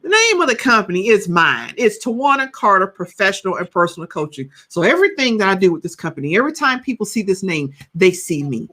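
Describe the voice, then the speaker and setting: In a podcast interview, a woman in her fifties who works as a counselor and coach tells stories animatedly, often tossing in a rhetorical "right?". Her mid-range voice moves at a quick pace with few pauses.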